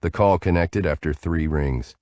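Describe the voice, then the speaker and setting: A man narrating a first-person audiobook in a calm, even storytelling manner, close to the mic. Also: deep voice, a little slow, no echo.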